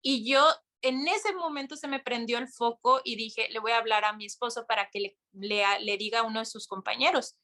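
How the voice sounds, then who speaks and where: Woman, young adult, high pitch, crisp bright tone, lively storytelling. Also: brisk, few pauses. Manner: animated, full of restarts and acted-out quotes. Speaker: podcast guest. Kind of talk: casual storytelling interview.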